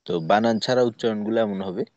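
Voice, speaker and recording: A man, teaching a Quran reading class online and reciting the letter sounds slowly. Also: fairly low pitch, steady tone, darkish tone, highs cut off. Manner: slow, drawn-out recitation.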